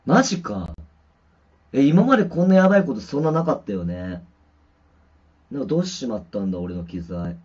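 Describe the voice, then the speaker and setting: A man's voice: mid-range voice, very animated, fairly quick, pauses often, a little mellow, breathy edge. Mumbling man testing his stream audio. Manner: mumbling, rambling, many fillers. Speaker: musician livestreaming. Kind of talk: casual livestream chat, mic check. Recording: dull lo-fi stream audio with distortion.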